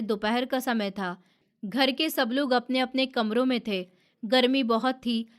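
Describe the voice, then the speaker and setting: Emotional woman narrator, slightly high voice. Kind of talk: first-person storytelling.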